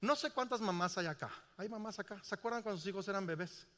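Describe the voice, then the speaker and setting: A man's voice: high voice, fast talker, long reverb tail. A middle-aged man preaching a sermon in a large church, asking the congregation questions. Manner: animated, asks the congregation questions. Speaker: pastor.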